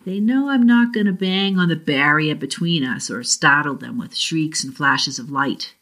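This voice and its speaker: A woman from Boston's South Shore, speaking with a Boston accent, reads aloud a first-person short story she wrote herself. Her delivery is measured and deliberate, and her voice is low-pitched with a slightly bright edge.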